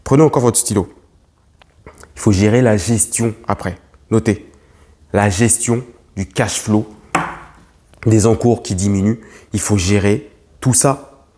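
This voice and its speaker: A man's voice: on the low side, a little slow, long pauses, mellow, a little hiss or hum. Young man, investor vlogger, emphatic, repeats himself, restarts, fillers. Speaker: real estate investor vlogger. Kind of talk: talking to camera as a lesson.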